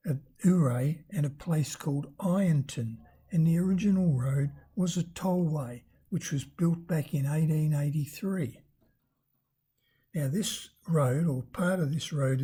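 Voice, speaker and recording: Narrating hesitantly and unscripted, this travel vlogger has a voice of ambiguous-sounding sex, thin and squeaky and roughened by damaged vocal cords, yet warm in tone.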